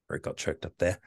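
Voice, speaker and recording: A middle-aged Australian man, appearing as a podcast guest, chats casually in a relaxed, rambling way full of fillers and hesitations. The recording is clean studio sound with no room echo.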